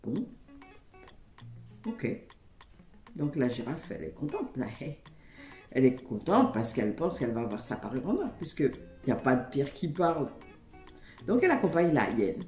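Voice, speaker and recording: Woman from ivory coast telling an animal tale, deep lively voice, echoey room w/ faint music. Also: moderate pace, pauses often. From Côte d'Ivoire. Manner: expressive, chatty asides to listeners. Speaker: storyteller. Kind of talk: oral folk tale narration. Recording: roomy echo, faint music.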